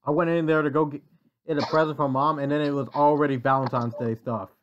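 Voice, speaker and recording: A young adult in their early twenties, a podcast guest, chatting casually and teasing the others with quick comebacks. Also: mid-range voice, steady tone. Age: 20s. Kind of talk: casual group chat. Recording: dull lo-fi mic.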